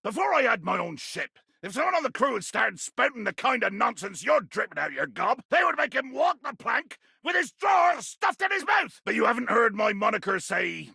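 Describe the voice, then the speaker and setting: A man voicing a bombastic, bloodthirsty pirate captain in a video game, with a raspy, gravelly growl and grandiose, archaic seafaring speech. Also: very high-pitched, big pitch swings, moderate pace, hardly any pauses, sharp tone, dry recording, shouting, studio quality, exaggerated voice. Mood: boastful, menacing. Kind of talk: theatrical video game character acting.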